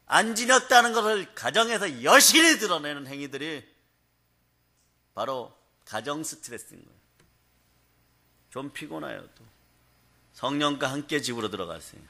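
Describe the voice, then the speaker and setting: A man's voice: a little high, bright, forceful tone. A male pastor preaching a revival sermon, telling stories and often prompting the congregation for a response. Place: prayer hall.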